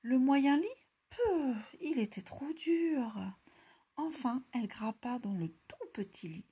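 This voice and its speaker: A woman reading a children's story aloud in a soft, hushed, half-whispered voice. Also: sits high, lively intonation, slow pace, breathy edge.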